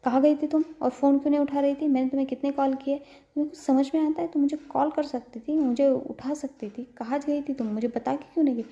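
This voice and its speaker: A woman voicing an anxious young woman who panics easily and talks fast and pleading when upset, in a storybook reading. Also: fairly high pitch, dark tone, dull audio, close to an everyday voice. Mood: angry.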